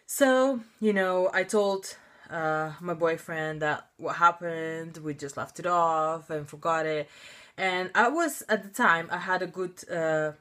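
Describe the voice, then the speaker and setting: A woman's voice: lowish voice, slow, a bit bright. A young woman vlogger telling a story in a casual, indignant rant, full of "like" and "you know.".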